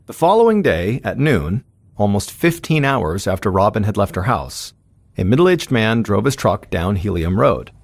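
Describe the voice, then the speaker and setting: A man hosting a podcast, telling a true-crime story in measured, suspenseful scripted narration. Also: fairly low pitch, big pitch swings, gravelly, no echo. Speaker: podcast host.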